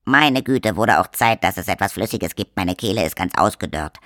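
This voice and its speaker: A man voicing a tiny, rough-mouthed blue fairy warrior man with a blunt, quick temper. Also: lowish voice, lively intonation, sharp tone, dry recording, clean studio sound. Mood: gruff.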